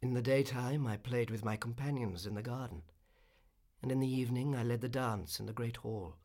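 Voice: mid-range voice, fairly quick, a little mellow, natural voice. The Happy Prince, melancholy royal statue voiced by a storyteller. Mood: wistful.

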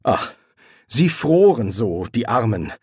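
A man voicing a fussy, anxious, soft-hearted male angel who hesitates and stammers in an audiobook reading. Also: mid-range voice, big pitch swings, takes it slowly, slightly rough, dry recording, clean studio sound, pitched above the performer's own voice, heavily acted. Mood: rambling.

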